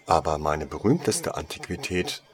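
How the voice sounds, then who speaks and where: A man voicing a female wand shop saleswoman who talks with eager, servile flattery in a storybook reading. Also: rumbling low, moderate pace.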